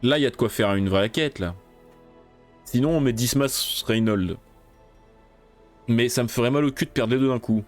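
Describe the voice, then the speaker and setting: Speaking at a normal speed but with long pauses, a medium-pitched man commentates his own game run over faint music. This gaming video creator keeps it casual, let's-play style, loudly cursing his frustrations and then muttering as he plans.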